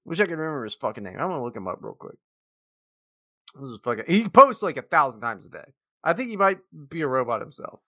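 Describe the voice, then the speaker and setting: A young male podcast co-host with a bright, lively voice that swings up and down in pitch. He talks casually, swears freely and is quick to joke. The sound is dry and close. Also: no room sound. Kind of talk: casual profane chat.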